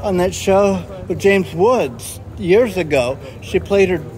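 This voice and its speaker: High-voiced man rambling while walking outside. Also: lively intonation, a little mellow. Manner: rambling, halting restarts. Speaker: vlogger filming a walk. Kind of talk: casual chat while walking. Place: outdoors by a convention center and parking lot. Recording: outdoor street noise.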